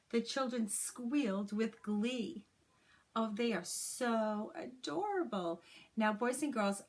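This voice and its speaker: Reading a picture book to children in a teacherly style, this woman uses a mid-range voice. Her delivery is expressive and carefully paced, broken up by personal comments aimed at the kids.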